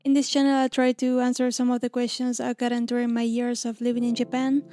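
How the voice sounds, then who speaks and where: A woman in her thirties from Argentina, an illustrator narrating her own story in a gentle, reflective scripted voice-over. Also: a little high, monotone, fast, no echo, studio quality. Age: 30s. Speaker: illustrator and channel host. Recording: lo-fi music bed under voice.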